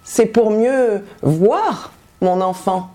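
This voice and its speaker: A woman's voice: medium pitch, warm tone. A woman voicing a sly, hungry male wolf who fakes a sweet voice, reading a storybook tale. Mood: slow menacing. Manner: sugary, then slow and menacing.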